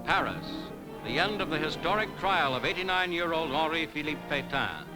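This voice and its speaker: A man delivering 1940s newsreel narration in a brisk, emphatic announcer style, as on an old newsreel recording. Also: a little high, expressive, poor audio. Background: loud music bed.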